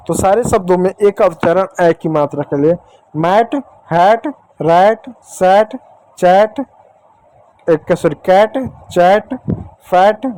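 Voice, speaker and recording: A man with a Hindi accent teaching children English phonics, asking questions and answering them himself and spelling out letters slowly. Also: high-pitched, darkish tone, low-quality recording. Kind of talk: explaining phonics on a board.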